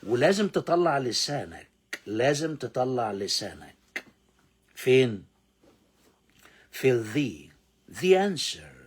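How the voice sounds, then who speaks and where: A man with an Egyptian Arabic accent teaching English, repeating words slowly for pronunciation drills and swinging between loud emphasis and low asides. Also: animated, breathy edge. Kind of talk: English lesson explained in Arabic.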